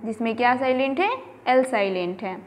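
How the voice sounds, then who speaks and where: A woman teaching English, spelling words letter by letter in a slow, deliberate way and explaining in a mix of English and Hindi, with an Indian English accent. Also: on the high side, long reverb tail, slight background noise.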